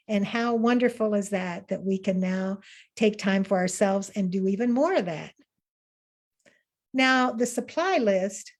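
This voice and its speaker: A woman's voice: mid-range voice, a little mellow. A woman teaching an online art class, talking in an upbeat, encouraging way with fillers and restarts over a video call. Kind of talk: webinar lesson.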